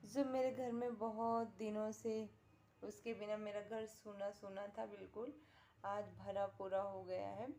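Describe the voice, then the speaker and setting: A woman's voice: mid-range voice, flat delivery, unhurried, dark tone, slight background noise. A woman filming a casual home vlog at night, cooing to a pet in doting baby talk. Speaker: vlogger.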